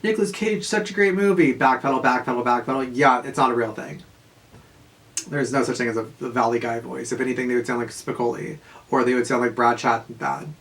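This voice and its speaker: A man, telling a casual, profane story in a rambling monologue full of fillers and quick laughs. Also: mid-range voice, level tone, a bit bright. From Southern California. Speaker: vlogger.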